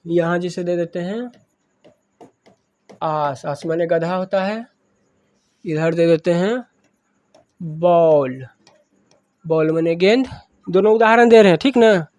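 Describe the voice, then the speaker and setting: A woman's voice: lowish voice, takes it slowly, pauses often, darkish tone, no room sound. A woman with a Bihari accent teaching a grammar lesson, asking questions and answering them herself, repeating each point.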